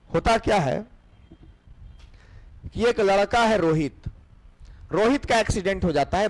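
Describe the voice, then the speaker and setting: Lively, high-voiced teacher. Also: male voice. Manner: asks questions and answers them himself. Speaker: exam-prep teacher. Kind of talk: classroom lecture with memory tricks. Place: classroom.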